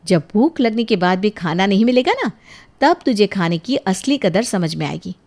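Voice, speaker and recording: A woman voicing a strict, quick-tempered mother in a cartoon, scolding her daughter. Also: mid-range voice, expressive, a little mellow. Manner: scolding, exasperated. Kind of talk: cartoon voice acting.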